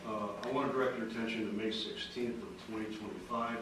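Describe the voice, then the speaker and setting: A man cross-examines a witness in a courtroom, pressing and repeating her answers back to her with "uh" pauses between questions. He sounds far from the mic in a heavily echoing room. A clear hiss of noise runs under his voice. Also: on the low side, fairly even intonation. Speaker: prosecutor. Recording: echoey courtroom audio from far off, noisy.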